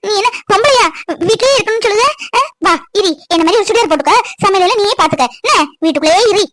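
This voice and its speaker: A cartoon performer voicing a sharp-tongued young wife who rants and scolds her husband in a high, sped-up cartoon voice. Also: lively intonation, quick pace, no room sound. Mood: scolding. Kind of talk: cartoon voice acting.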